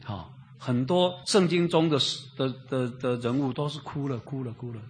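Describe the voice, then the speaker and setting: A man delivering a Bible sermon in a homely, talkative manner, looping back over his words and tossing rhetorical questions to the listeners. His voice sits at an ordinary middle pitch, with a faint hiss behind it. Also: darkish tone. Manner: conversational, repetitive, many drawn-out fillers and rhetorical questions. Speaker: preacher.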